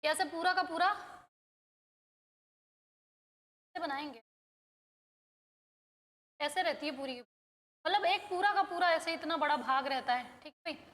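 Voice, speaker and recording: A woman with a Hindi accent teaching an English grammar lesson, drilling word lists and quizzing her students in a brisk, coaxing way. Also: sits high, a bit bright, big-room sound. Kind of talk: classroom-style grammar lesson. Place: coaching institute in India.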